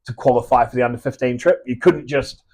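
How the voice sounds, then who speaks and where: A man's voice: medium pitch, fast, a little mellow. Rambling man with mixed Aussie-Kiwi accent. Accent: mixed Australian and New Zealand. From Australia. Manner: rambling, many restarts and swearing. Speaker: podcast guest. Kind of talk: casual chat.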